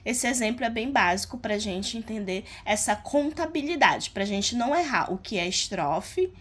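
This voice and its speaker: A woman's voice: on the high side, animated. A woman teaching a lesson on poetic meter, explaining step by step and often checking in with her students. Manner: unhurried, checks in with frequent tag questions. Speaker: literature teacher. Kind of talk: explanatory lesson on poetry metrics.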